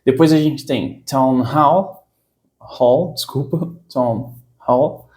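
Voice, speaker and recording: A man's voice: medium pitch, very slow, a little mellow. A man from Brazil teaching English vocabulary in a casual online lesson, repeating key words for emphasis.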